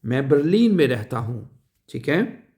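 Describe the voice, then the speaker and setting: A man giving a language lesson, saying each phrase slowly and repeating it, often checking with "right?". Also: mid-range voice, sing-song, a little mellow. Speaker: language teacher.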